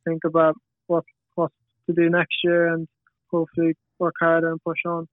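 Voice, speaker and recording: A man's voice: a little high, monotone, moderate pace, dry recording. A young man with a west of Ireland accent giving hesitant, understated answers as a footballer in a casual interview. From Galway, west of Ireland. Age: young adult. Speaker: footballer, podcast guest. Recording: tinny band-limited radio-like line.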